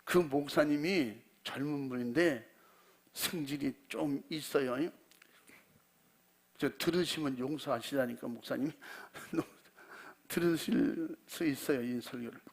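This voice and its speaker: An older man preaching a sermon, telling a folksy personal story and acting out the dialogue, clearing his throat often. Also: medium pitch, measured pace. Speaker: pastor.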